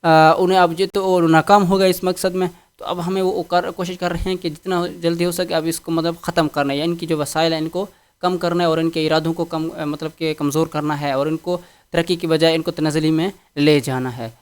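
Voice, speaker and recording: A man's voice: on the high side, flat delivery, clear, resonant tone. A man teaching English, going through a text line by line and patiently repeating each meaning.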